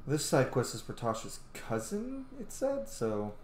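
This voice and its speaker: A medium-pitched male voice with wildly swooping pitch and a measured pace belongs to a gaming streamer in his thirties. He thinks aloud in casual let's-play commentary as he plays a video game in a room at home, and the recording sounds roomy, with faint background noise.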